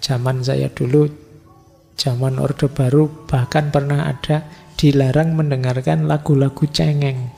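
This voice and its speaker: A middle-aged man, giving a relaxed, conversational philosophy lecture full of everyday examples. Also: medium pitch, unhurried, vocal fry. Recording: lecture hall reverb with faint music.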